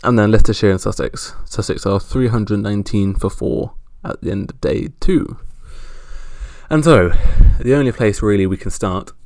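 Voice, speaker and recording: Gravelly-voiced man hosting a sports podcast. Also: lowish voice, normal speed, a little mellow, dry recording. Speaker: podcast host. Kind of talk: casual solo sports roundup.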